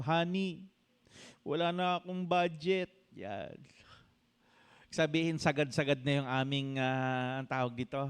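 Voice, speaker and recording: A man's voice: mid-range voice, smooth. A middle-aged man preaching a sermon in church, switching between Tagalog and English and calling out to the congregation for responses. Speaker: pastor.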